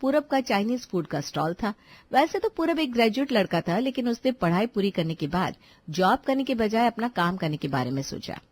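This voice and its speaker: A woman narrating a cartoon moral story in a calm, steady storytelling voice. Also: medium pitch, brisk.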